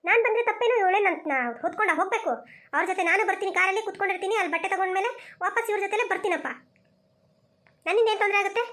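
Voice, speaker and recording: A woman's voice: extremely high pitch, very fast, a bit bright. A woman doing a bossy old village mother-in-law. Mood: insistent. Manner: insistent, repeats herself. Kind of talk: cartoon voice acting.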